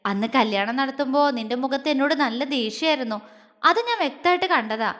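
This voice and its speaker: A woman voicing a tender young husband who talks to his wife in a soft, affectionate, coaxing way. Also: high voice, expressive, brisk. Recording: long reverb.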